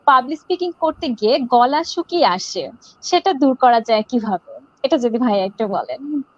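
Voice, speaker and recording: A woman's voice: high voice, expressive, moderate pace, lo-fi sound. A woman hosting an interview, polite and encouraging as she passes on audience questions. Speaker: interview host.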